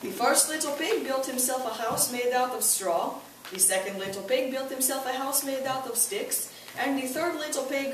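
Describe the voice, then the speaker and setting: Woman telling a comic story in an echoing hall. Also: high-pitched. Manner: wry asides, laughs at own jokes. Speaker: talent show performer. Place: church hall. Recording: echoey church hall from far off, noisy.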